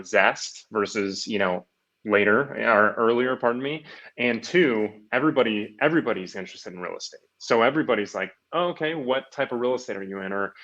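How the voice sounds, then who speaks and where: A man with a lowish voice hosts an interview, circling his thoughts with hesitant, rambling phrasing. His audio sounds dull and lo-fi, as if it were picked up through a weaker mic. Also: fairly bright tone. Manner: rambling, hesitant, full of filler words. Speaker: podcast host. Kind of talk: casual interview chat.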